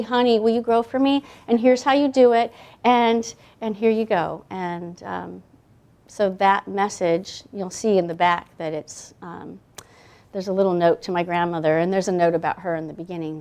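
A woman's voice: mid-range voice, darkish tone. A woman in her thirties, a guest author talking casually at a library event, rambling with many fillers and restarts. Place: library event room, indoors.

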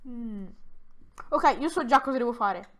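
A woman commenting on her own Minecraft play for viewers, excitable and given to dramatic exclamations while talking straight to the audience. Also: on the high side, unhurried. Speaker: gaming YouTuber.

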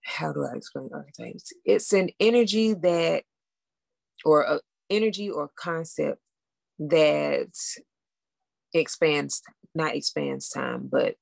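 A woman coach leads a live masterclass over a video call, her voice low and heavily gravelly with a husky edge. She talks casually and upbeat, checking in with listeners again and again. The sound is dry and close. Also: no room sound. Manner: casual, upbeat, addresses listeners directly with frequent "okay?". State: out of breath after running upstairs. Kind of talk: live online masterclass teaching.

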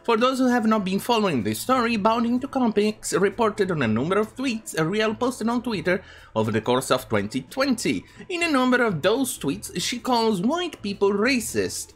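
This commentary channel host, a non-native English speaker in his thirties, films at home in front of bookshelves. His high voice is very animated at a moderate pace as he rambles indignantly, filling gaps with lots of fillers.

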